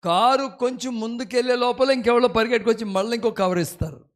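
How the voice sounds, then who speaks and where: A man preaching a sermon as pastor, leading the congregation in call-and-response and swinging between quiet storytelling and loud exclamations. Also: very high-pitched, fast talker.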